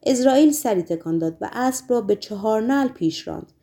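A woman narrating a novel as an audiobook in a steady, measured storytelling voice that softens in descriptive passages. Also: fairly high pitch.

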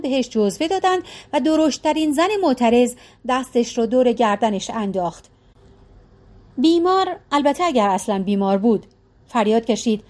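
Woman, audiobook narrator, somewhat high voice, steady even reading, casual spoken storytelling. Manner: steady, even storytelling read in colloquial speech. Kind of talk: scripted novel narration.

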